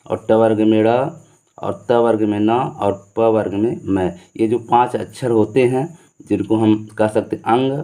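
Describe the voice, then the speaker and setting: A man's voice: on the low side, mellow. A man teaching grammar to students, who repeats his points and asks questions that he then answers himself. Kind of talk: explaining Hindi grammar to students.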